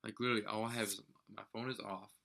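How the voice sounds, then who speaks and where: A man's voice: fairly low pitch, flat delivery, very fast, creaky, noisy background. A young man talking casually to camera as a vlogger, rambling with some mock-grand theatrical turns.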